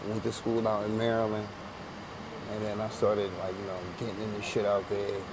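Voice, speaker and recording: A man in his forties from Philadelphia is interviewed outdoors on a busy street, with noise and passersby in the background. His fairly low voice is completely flat and a little fast as he chats in street slang, repeating himself and restarting sentences.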